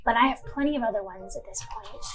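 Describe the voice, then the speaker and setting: A woman putting on a kindly old village carpenter, fussy and fond, who bubbles over with eagerness. The voice sits a bit high and quick for an old man, in the manner of a tabletop game. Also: a bit bright, lightly acted. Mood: eager. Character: kindly old male carpenter, warm and easily excited.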